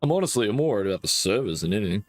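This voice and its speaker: A man's voice: lowish voice, very fast. A man ranting casually and profanely while streaming a game. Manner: profane, animated ranting with rising outbursts. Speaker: gaming streamer.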